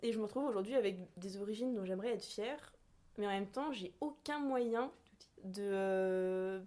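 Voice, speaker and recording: This podcast guest is a young woman from France having a casual, off-the-cuff chat. Her pitch is average and middle-range, and her speech is halting, full of filler sounds and unfinished phrases as she gropes for the right wording.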